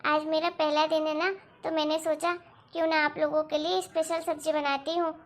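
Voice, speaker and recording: A very high, soft-spoken young bride in a cartoon story, eager to please, played by a woman. Her sweet, pleading voice sounds earnest and a little anxious. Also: flat delivery, normal speed, natural voice. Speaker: daughter-in-law. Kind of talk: animated story voice acting.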